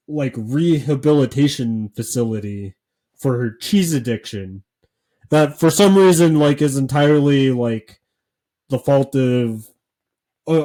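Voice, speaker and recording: A man co-hosting a podcast, talking casually with deadpan sarcasm and lots of filler words. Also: mid-range voice. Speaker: podcast co-host.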